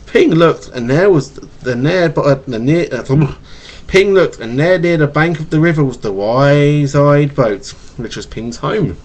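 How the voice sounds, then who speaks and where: Unhurried and lively in intonation, a man with a fairly high voice reads a children's picture book to his child as a bedtime story. He stumbles and repeats words with a stutter, captured at home by a webcam microphone.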